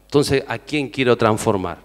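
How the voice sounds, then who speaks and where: A man preaching a sermon. He swings loud exhortation to low, quiet asides and keeps asking the congregation questions. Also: normal speed, long reverb tail. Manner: addresses the congregation with repeated questions. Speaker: pastor.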